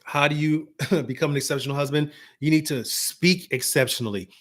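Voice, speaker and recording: A man talks through marriage advice in an easygoing, motivational way. He acts out little snatches of dialogue and now and then drops into a calm, soft tone to show an example. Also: fairly high pitch, fairly quick. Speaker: host giving marriage advice. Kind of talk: casual motivational talk.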